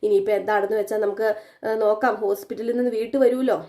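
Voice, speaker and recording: Woman reading a consoling young wife, soft and pleading, quick. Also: medium pitch, steady tone, natural voice. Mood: soothing. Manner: soothing, pleading. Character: young wife comforting her husband.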